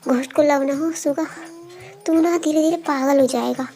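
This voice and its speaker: A woman's voice: high-pitched, fairly even intonation, moderate pace, mellow, voice pushed down. A woman voicing a grumpy, jealous young man who mutters to himself in a fan-made dub.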